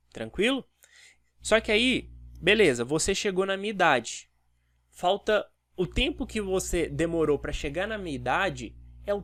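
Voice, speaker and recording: A man teaches a video math lesson in a voice pitched a little high. He walks through each step and asks the viewer rhetorical questions as he goes. The sound is dry and close, with almost no room reflection. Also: a bit bright, dry recording.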